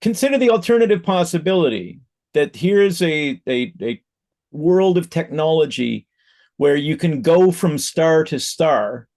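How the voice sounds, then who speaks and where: A man in a casual conversation, reflective and halting, often pausing with fillers. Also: fairly high pitch, lively intonation, a little mellow. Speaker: co-host.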